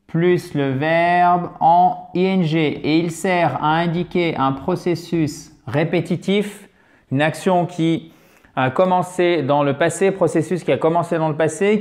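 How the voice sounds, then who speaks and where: A man teaching English pronunciation in French, his native tongue, with animated, exaggerated drills. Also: on the high side. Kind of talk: video lesson in French.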